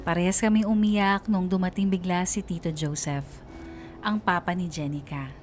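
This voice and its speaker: A woman's voice: fairly low pitch, fairly even intonation, moderate pace, over music, natural voice. A woman playing a hurt young letter writer who narrates a radio drama in a sorrowful, confessional way with a Filipino accent. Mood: pained. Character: hurt young woman recounting her betrayal.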